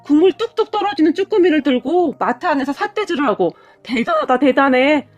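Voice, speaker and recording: A woman voicing a playful elderly father-in-law who talks slowly and teasingly. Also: high-pitched, lively intonation, lo-fi sound, soft background music, pitched above the performer's own voice. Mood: amused teasing.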